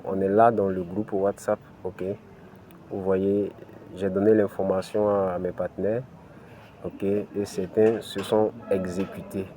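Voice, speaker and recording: He sits low and keeps a level, unhurried, mellow tone while explaining his screen-recorded tutorial in steps. This crypto channel host speaks with an African French accent and peppers his talk with "ok" and "voilà."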